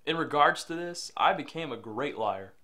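A young man playing a troubled young man who narrates quietly and with regret, and who snaps back in family arguments. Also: on the high side, animated, moderate pace. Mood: regretful. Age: young adult. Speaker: lead actor and narrator. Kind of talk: reflective voice-over narration and dialogue.

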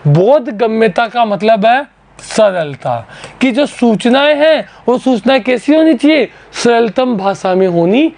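A man's voice: very high voice, lively intonation, slow pace, darkish tone. A man teaching accounting to school students, explaining each term step by step and repeating key words. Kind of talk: classroom lecture. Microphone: recorded lecture for an education channel.

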